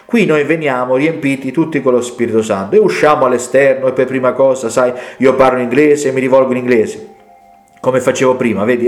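A man's voice: mid-range voice, darkish tone, roomy sound. A man preaching, retelling a debate in a storytelling sermon full of asides to his listeners.

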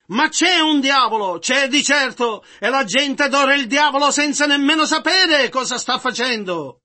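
A man interpreting a sermon with a very high voice and an intensely bright, sharp tone. He gives back each of the preacher's phrases in a measured, steady delivery.

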